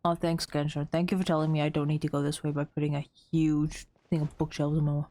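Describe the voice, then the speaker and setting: A woman's voice: low voice, level tone, quick pace, mellow. A young woman streaming a game, talking in a playfully dramatic way and making mock threats at her chat. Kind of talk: gaming livestream commentary.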